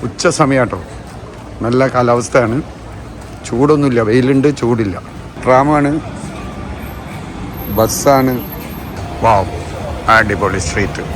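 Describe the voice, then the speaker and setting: A man's voice: mid-range voice, takes it slowly, long pauses. Malayali man vlogging, English mixed in, noisy street. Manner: mixes English words into Malayalam; chatty, tags remarks with short questions to viewers. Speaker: travel vlogger. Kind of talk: casual travel vlog commentary. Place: outdoors on city streets. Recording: noisy outdoor street and traffic ambience.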